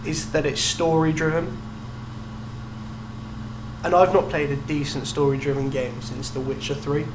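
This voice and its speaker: This podcast co-host is a young man whose voice runs a bit high and whose pace is a little slow. He chats casually about video games in an echoey room with constant hum and background noise.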